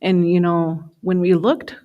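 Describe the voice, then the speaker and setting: A woman's voice: lowish voice, level tone, a little slow, lo-fi sound. A middle-aged woman speaking at a summit, telling a personal story in a loose, conversational way, often repeating "he says" and "you know".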